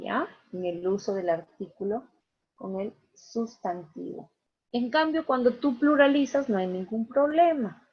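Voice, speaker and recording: A woman's voice: mid-range voice, breathy edge. A woman teacher giving a class, explaining patiently step by step and checking in with her students often. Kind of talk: online class lecture. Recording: dull lo-fi recording.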